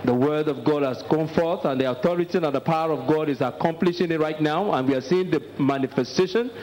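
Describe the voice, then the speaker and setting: A man's voice: fairly high pitch, fast, a little mellow. A man giving live religious commentary at a televised healing service. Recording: echoey, noisy live event sound.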